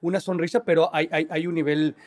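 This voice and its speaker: A man's voice: a little high, steady tone, a little fast. A man with a Mexican accent co-hosting a podcast in casual chat, rambling and slangy, often laughing. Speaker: podcast co-host.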